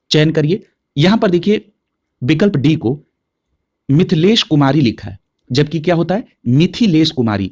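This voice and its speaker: A man's voice: fairly high pitch, darkish tone, dry recording, clean studio sound. A man teaching an exam-prep lesson, working through past paper questions step by step and checking in with listeners often. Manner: methodical, explains step by step with frequent check-ins.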